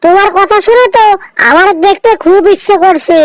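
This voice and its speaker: A woman's voice: very high voice, fairly quick, dry recording, rough recording. A woman voicing a naive, timid, gullible goat in a cartoon; trusting and easily frightened. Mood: eager.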